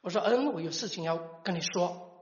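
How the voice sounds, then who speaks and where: A middle-aged man gives a personal testimony as a father, halting and restarting words as he tells the story. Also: sits high. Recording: echoey hall, dull lo-fi sound.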